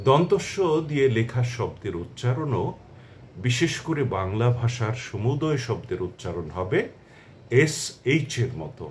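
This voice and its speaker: A man with a fairly low voice gives a pronunciation lesson at a slow, deliberate pace. He sets out each example word with clear emphasis. A faint hiss of background noise sits under his voice. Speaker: language teacher.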